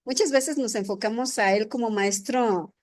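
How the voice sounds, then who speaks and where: A woman with a somewhat high voice gives a sermon-style testimony as a church leader. She talks earnestly and keeps checking in with tag questions. She speaks into a microphone at an indoor gathering. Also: moderate pace.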